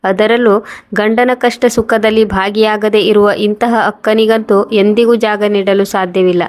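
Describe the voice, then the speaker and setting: A woman's voice: mid-range voice, fairly even intonation, a little slow, darkish tone, dry recording, natural voice. A woman reading the lines of a stern, dismissive younger brother in a storybook tale, firm and cold.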